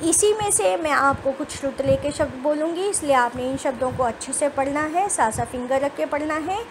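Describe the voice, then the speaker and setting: A woman's voice: high-pitched, moderate pace, background noise. A woman teaching children a phonics lesson, sounding out each word letter by letter and explaining meanings with everyday examples. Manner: sounds out words letter by letter, then says them whole. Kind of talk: slow spelled-out phonics lesson.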